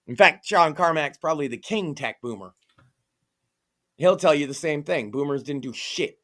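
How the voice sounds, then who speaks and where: A young man hosting a casual podcast chat, mocking and animated, often mimicking others in exaggerated voices. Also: on the high side, moderate pace. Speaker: podcast host.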